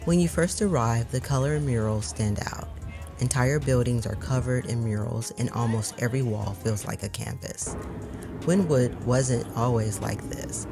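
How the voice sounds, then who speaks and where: Calm scripted travel voiceover, mid pitch, soft music under it. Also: moderate pace, vocal fry. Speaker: vlog narrator. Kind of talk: scripted voice-over narration.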